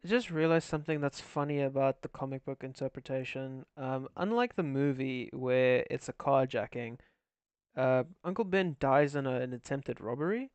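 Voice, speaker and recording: A man's voice: mid-range voice, normal speed, darkish tone, smooth, dry recording. A man chatting casually as a podcast co-host, loose and swearing, heard through a crackling, distorted microphone. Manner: loose, swears casually, thinks aloud with fillers. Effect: crackling, distorted mic. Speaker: podcast co-host reacting to a video. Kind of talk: casual chat.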